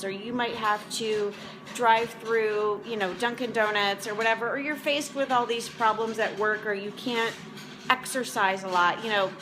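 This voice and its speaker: This food prep coach and motivational vlog host, a woman in her forties, rambles conversationally in a casual chat to camera. Her voice sits on the high side, with some background noise.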